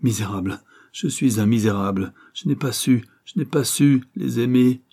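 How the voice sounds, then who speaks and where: A man's voice: medium pitch, normal speed, husky. A man voicing a grief-stricken widowed painter who breaks into feverish, exclaiming talk. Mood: grieving. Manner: anguished then feverishly excited exclamations.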